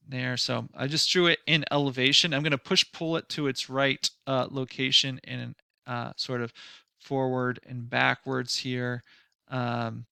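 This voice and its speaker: A man teaching a design class through a screen-recorded software tutorial. He thinks aloud in a loose, conversational way, with many fillers and restarts and a touch of sarcasm. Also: mid-range voice, vocal fry, no echo, studio quality. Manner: mildly sarcastic at times. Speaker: design instructor.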